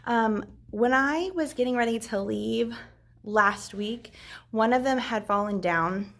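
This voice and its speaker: A woman's voice: on the high side, slow pace, fairly bright tone. A young woman teacher in her twenties chatting casually while setting up her classroom, upbeat and full of fillers. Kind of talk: casual vlog narration.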